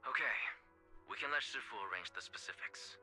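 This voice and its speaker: A man's voice: medium pitch, lively intonation, brisk, sharp tone. A man voicing an earnest young companion in a video game, considerate and wry with a conversational manner. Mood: earnest, caring. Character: earnest, gently teasing young male companion. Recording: music behind the voice.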